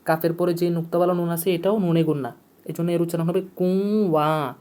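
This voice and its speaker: A teacher explaining vocabulary in a lesson, repeating each word and its meaning over and over. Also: male voice, fairly high pitch, fairly even intonation, brisk, dark tone. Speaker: Urdu teacher.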